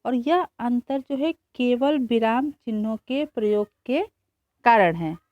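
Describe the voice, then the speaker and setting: A woman teacher explaining a grammar lesson slowly, repeating examples and answering her own questions. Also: a little high, dry recording. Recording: dull, muffled dry recording.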